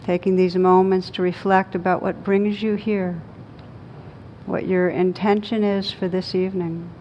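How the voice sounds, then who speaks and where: Leading a live group in a room, this meditation teacher uses a slow, soothing, calm delivery full of long pauses. The audio is lo-fi and dull, with rumbling noise.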